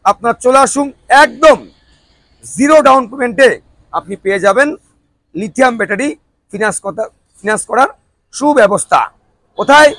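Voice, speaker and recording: A man giving an emphatic, repetitive promotional sales pitch like an announcer, as a showroom promoter. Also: a bit bright, no room sound, rough recording. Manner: emphatic, repetitive announcer-like delivery with rhetorical questions. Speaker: showroom promoter presenting e-rickshaws.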